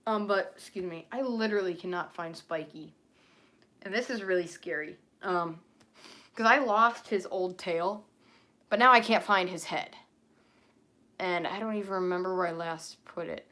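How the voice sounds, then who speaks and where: A woman's voice: on the low side, normal speed, bright, forceful tone. A woman chatting casually on a home livestream, rambling and flustered, full of ums, sometimes dropping to a near whisper as she reads comments.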